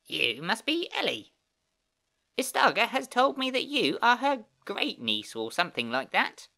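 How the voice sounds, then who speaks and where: A man's voice: high voice, huge pitch swings, unhurried, creaky, sharp tone, no echo, studio quality, pitched above the performer's own voice, exaggerated voice. A man voicing a cheerful male goblin guide in an audiobook, with a screechy, nasal voice and an eager, friendly manner. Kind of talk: audiobook character voice.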